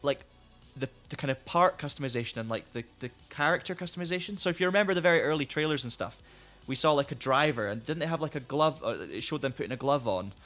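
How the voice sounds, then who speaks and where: A man's voice: medium pitch, expressive, fast talker, hardly any pauses, a bit bright, soft background music. Rambling male streamer losing his voice. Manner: rambling, friendly, many restarts. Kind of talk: casual live-stream chat.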